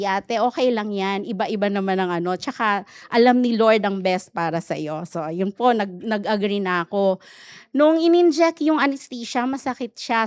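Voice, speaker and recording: A woman's voice: mid-range voice, clear, resonant tone, no room sound. A woman from the Philippines giving a personal testimony at a church prayer meeting, chatty and respectful in tone. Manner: chatty and respectful, with frequent polite particles.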